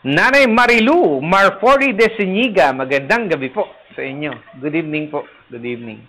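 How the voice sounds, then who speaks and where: Male parish priest, casual livestream host; light, somewhat high voice; playful and teasing. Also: expressive, normal speed, sharp tone, poor audio. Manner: playful, teasing, laughs at own jokes. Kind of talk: casual livestream chat reading viewer comments. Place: rooftop garden, third floor.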